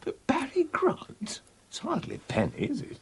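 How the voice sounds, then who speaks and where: A woman's voice: rumbling low, huge pitch swings, brisk, darkish tone, husky, heavily acted. An actress playing a gossipy, easily scandalised woman in a TV soap, incredulous in manner, with a little noise behind. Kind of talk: TV soap drama acting.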